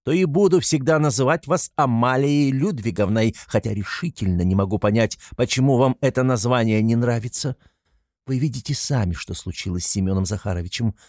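A man reading aloud, voicing a frantic, proud, sickly mother who speaks in a rapid, shrill, breathless patter. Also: a little mellow, dry recording, clean studio sound, close to an everyday voice. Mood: indignant.

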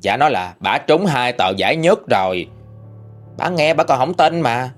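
A man with a Southern Vietnamese accent narrates a ghost story, his pitch swooping up and down with animated expression. His telling is chatty and colloquial, with faint music playing softly behind him. His voice sits at a middle pitch. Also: moderate pace.

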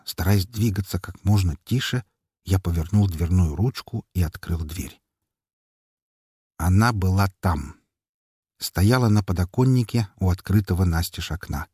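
A man narrating a first-person audiobook in an expressive, tense storytelling manner. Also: sits low, slightly rough, dry recording, studio quality.

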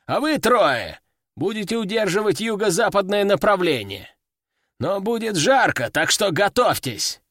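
A man doing a barking, gruff army veteran. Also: sits high, big pitch swings, a little slow, fairly bright tone, no echo, studio quality, voice pushed up, full character voice. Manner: barking orders, curses. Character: gruff, bossy male army veteran commander.

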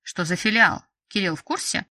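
A woman's voice: medium pitch, moderate pace, bright, forceful tone, no echo, clean studio sound, distant mic. A woman voicing an irritable, hot-tempered male employee who grumbles and snaps, in an audiobook. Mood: stern. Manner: grumbling, snappy.

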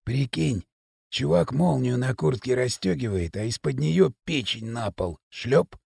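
A man reading an audiobook, voicing a gloomy young thug who mutters quietly and sourly. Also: medium pitch, slow pace, no echo, studio quality, voice pushed down, heavily acted. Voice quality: husky, gravelly mutter. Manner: quiet, sour, drawling. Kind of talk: audiobook character voice.

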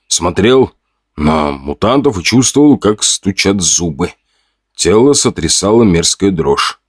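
A man giving expressive scripted narration of an audiobook. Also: deep voice, a little slow, husky, dry recording, studio quality.

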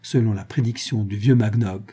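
A man reading a classic novel aloud in a measured, dramatic narration. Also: fairly low pitch, steady tone, dark tone, slightly rough. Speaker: audiobook reader.

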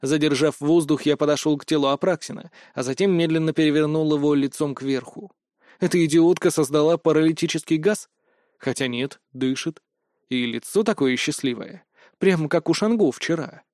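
A man's voice: fairly high pitch, normal speed, a little mellow, no echo, studio quality. Man reading a first-person audiobook. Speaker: audiobook narrator. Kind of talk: first-person scripted narration.

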